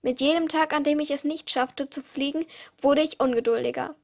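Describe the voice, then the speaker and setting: A woman's voice: high voice, fairly even intonation, a little fast, creaky, a little mellow. A teenage girl reading her own short stories aloud for her podcast, with small slips and restarts. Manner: reads with small slips and restarts, uneven pace.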